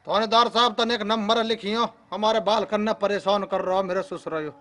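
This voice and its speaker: High-voiced, blunt village father, acted by a man. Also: steady tone, moderate pace, a bit bright, slight background noise. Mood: complaining. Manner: rustic, blunt. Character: doubting village father in a turban. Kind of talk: comedy skit acting.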